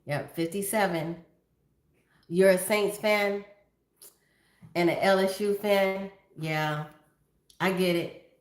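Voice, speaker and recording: A woman's voice: medium pitch, fairly even intonation, slow, pauses often. A woman in her fifties hosting a casual livestream, greeting viewers by name and chatting about her day. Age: 50s. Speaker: livestream host. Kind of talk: casual livestream chat reading viewer comments. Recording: echoey room.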